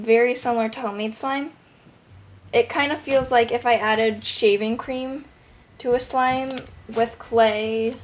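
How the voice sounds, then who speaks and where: High-voiced young woman, noisy headphone mic. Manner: excited, gushing. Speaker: host of a slime review show. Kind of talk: casual product review to camera. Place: bedroom at home. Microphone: headphones used as microphone. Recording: headphone mic with clear background noise.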